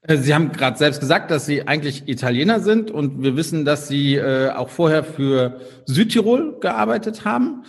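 A man's voice: on the high side, animated, moderate pace, creaky, hardly any pauses, slightly rough, in a large hall. A young man co-hosting a podcast, asking loose, rambling questions with restarts. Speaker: podcast co-host.

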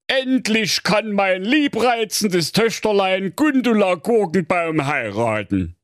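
A man voicing a crude, blustering old king with a Saxon accent, jovial and quick with exclamations. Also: high-pitched, sing-song, no room sound, studio quality, voice pushed up, full character voice. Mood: amazed.

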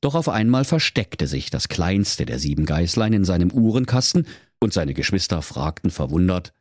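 A male storyteller reading a comic fairy tale with a low voice that rises and falls expressively. The recording is dry and close. His manner is playful and animated. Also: moderate pace, dry recording.

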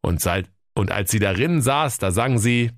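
A man tells a comic fairy tale in a playful storytelling voice. His voice sits a bit low, yet his intonation leaps around a lot. The recording is dry and close. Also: a little slow, no echo. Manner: animated, playful narration.

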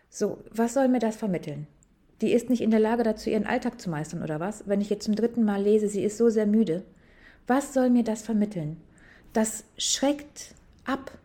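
A woman hosts a casual podcast monologue on etiquette. Her voice is mellow and warm, with an emphatic delivery that slows on stressed words and speeds through asides. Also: mid-range voice. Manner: animated, emphatic, switches between slow stress and fast asides. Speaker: podcast host and etiquette coach.

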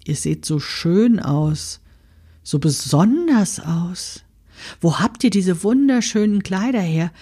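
A woman voicing a curious, excitable young girl who asks eager, breathless questions. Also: fairly low pitch, normal speed, husky.

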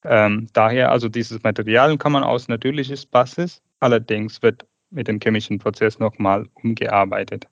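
A man's voice: fairly low pitch, steady tone, moderate pace, few pauses, no echo. A man, speaking hesitantly as a guest in a podcast interview over an internet call. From South India. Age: late 30s. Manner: hesitant, searching for words in a second language. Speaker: guest researcher. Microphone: video call. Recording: dull, dry internet call.

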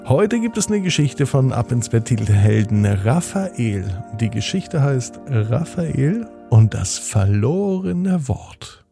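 A man hosting and narrating a bedtime story in a soothing, expressive way. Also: mid-range voice, vocal fry.

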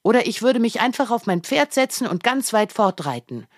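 A woman's voice: fairly low pitch, sing-song, unhurried, darkish tone, husky, dry recording, studio quality, voice pushed up, exaggerated voice. A woman voicing a sad chubby young boy who wants to be someone else, speaking earnestly and pleadingly. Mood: earnest, upset.

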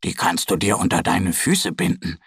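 A man voicing a kind, eager little male bear in a storybook, speaking low and gently. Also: steady tone, moderate pace, gravelly, breathy edge, dry recording, studio quality, full character voice. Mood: explaining.

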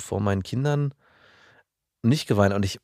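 Man in his thirties, low voice, calm matter-of-fact co-host, dry sound. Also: moderate pace, dry recording. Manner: calm, matter-of-fact, argues back firmly. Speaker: podcast co-host. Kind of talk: casual chat.

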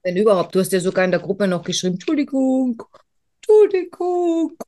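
Woman podcast co-host, kinda low voice, rambles a lot and pokes fun at herself, lots of uh and restarts. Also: flat delivery, very fast, a little mellow. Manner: rambling, self-mocking, frequent fillers and restarts. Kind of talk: casual chat.

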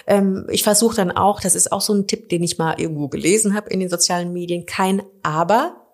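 A woman's voice: on the low side, fairly quick, darkish tone. A woman hosting an interview as a mother, asking candid questions and thinking aloud with many fillers. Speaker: podcast host and mother.

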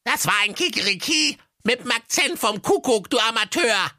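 A man's voice: sing-song, moderate pace, bright, forceful tone, no room sound, clean studio sound, exaggerated voice. A man voicing a snarky, half-plucked male parrot in a comic audio fairy tale. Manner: snarky, shrill.

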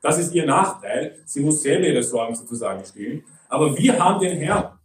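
A preacher with a high voice and lively intonation speaks some distance from the mic, his words ringing through a large hall. His sermon is conversational, peppered with "nicht?" and "okay?" to check in with listeners, and he slows to a deliberate pace when reading Bible verses.

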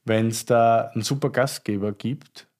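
A man's voice: mid-range voice, steady tone, unhurried, darkish tone. A man hosting a wine podcast, chatting casually and heaping praise on his guest. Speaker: podcast host. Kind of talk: casual chat.

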